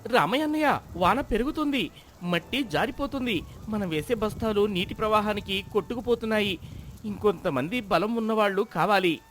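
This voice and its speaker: A man's voice: high voice, normal speed, a bit bright, slight background noise. A man voicing a worried young village helper. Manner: respectful, reporting anxiously.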